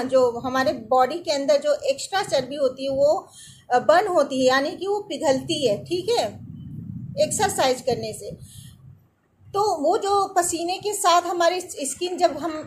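A woman's voice: high-pitched, slight background noise. A woman in her thirties talks casually to her viewers from an indoor room, giving earnest, reassuring skincare advice and often asking if they follow. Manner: earnest, reassuring, often adds "theek hai na". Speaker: beauty and skincare vlogger.

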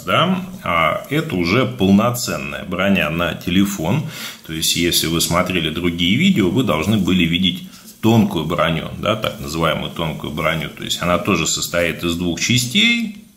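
A man with a speech impediment on his r's, giving a casual, halting product review as a video blogger. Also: low-pitched, big pitch swings, fairly bright tone. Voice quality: burred, defective r sound. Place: indoors, at a table, hands-only shot.

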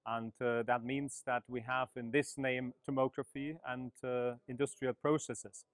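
A middle-aged man explaining a research project in an interview, measured and full of small uh pauses, on a lapel mic in a large bright hall. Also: medium pitch, flat delivery. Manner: measured, explanatory, frequent uh fillers. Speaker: project coordinator.

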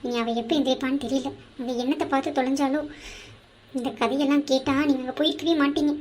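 A stern middle-aged cartoon mother, voiced by a woman, scolding her grown children with quick, reproachful words. Her voice sits high and the words tumble out fast. A faint hiss hangs under it. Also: steady tone, a little mellow, close to an everyday voice. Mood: angry scolding. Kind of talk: cartoon voice acting.

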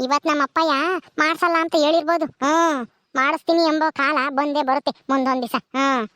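A woman's voice: high-pitched, flat delivery, brisk, a bit bright, no room sound. A woman voicing a spiteful scheming cartoon sister. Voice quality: mocking, scolding, theatrical sneer.

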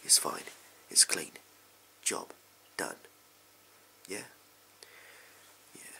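Low, gravelly, bright and forceful, his pitch swinging hugely over drawn-out words, a young English man puts on a full character voice for a whispered role-play. He's a shady, amoral backstreet gun dealer giving furtive, clipped, offhand sleazy pitches in a selling mood, mic near the camera in a small home room with slight background noise.

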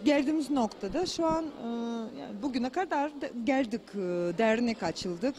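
Woman with halting, foreign-sounding broken Turkish. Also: sits high, animated, darkish tone. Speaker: association president, Russian teacher. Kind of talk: interview answers at an event. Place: indoor event venue. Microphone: handheld reporter microphone.

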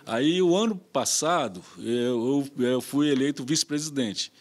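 Halting older man in conversation. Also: mid-range voice. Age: 60s. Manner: halting, repetitive, anecdotal phrasing. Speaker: guest, president of a charity association. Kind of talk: casual interview conversation. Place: small podcast studio, indoors. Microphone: tabletop microphone on stand.

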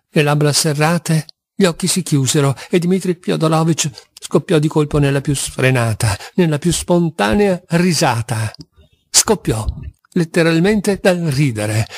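A man narrating a classic novel as an audiobook reader, measured and expressive. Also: a little high, dry recording.

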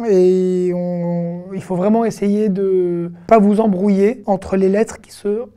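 A woman's voice: mid-range voice, steady tone, slow, dark tone, clean tone. A woman teaching an online reading lesson, patiently sounding out words syllable by syllable and checking in often with her students.

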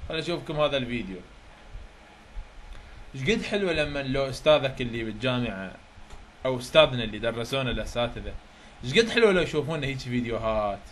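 A man's voice: medium pitch, a bit bright, slight background noise. A man teaching a classroom phonetics lesson, coaxing students and repeating sounds for them to copy. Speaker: university English teacher.

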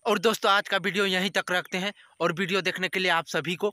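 Loud music plays behind a young man's high, brisk voice as he narrates a casual vlog from open farm fields. His intonation is fairly even, and he chats to viewers like friends while filming himself on a handheld phone at arm's length.

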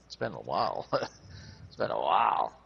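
Low-voiced, husky man, casual hunting-channel host, rambling with cusses and restarts. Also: big pitch swings, normal speed, lo-fi sound. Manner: rambling, profane, stumbling restarts. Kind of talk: casual chat while hunting. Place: outdoors at dusk.

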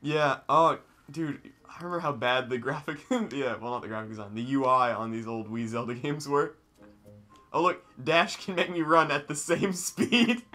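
A young man giving casual, excitable, joking commentary as he hosts a game playthrough. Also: medium pitch, normal speed, soft background music. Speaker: let's play host.

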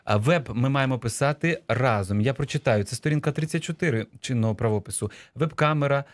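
A man explaining spelling and punctuation rules in a patient, explanatory radio lesson, dictating some words slowly. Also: medium pitch, no room sound. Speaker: language teacher explaining a dictation. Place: radio studio.

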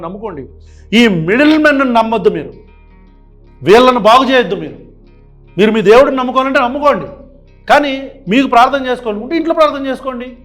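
A man giving reaction commentary, indignant and sarcastic, firing off rhetorical questions. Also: high-pitched.

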